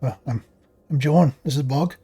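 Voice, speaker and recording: A man's voice: medium pitch, moderate pace, dark tone, breathy edge, pitched above the performer's own voice. A man voicing a frightened male half-orc survivor who stammers urgently. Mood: shaken.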